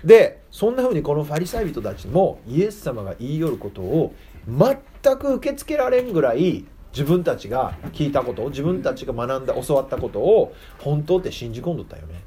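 A man's voice: on the high side, very animated, a little fast, warm tone, slight background noise. A man giving a casual sermon to children, chatting and asking them questions. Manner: chatty, asks the audience questions. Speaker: preacher teaching children.

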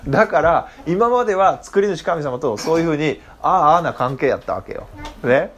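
Youth teacher, a man with an animated, swinging voice, chatty and full of questions to the group. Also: a little high, normal speed. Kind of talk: interactive Bible talk to young listeners.

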